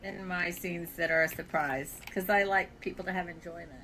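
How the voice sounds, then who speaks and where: Giving a casual tour of the world she created, this Californian woman with an American accent talks in a fairly low, steady, slightly bright voice. She moves along briskly, chatting loosely and laughing now and then.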